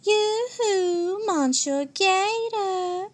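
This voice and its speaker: Woman doing a squeaky, sassy possum. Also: animated, very slow, full character voice. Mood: teasing. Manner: high, sing-song taunting. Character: teasing young female possum, sassy.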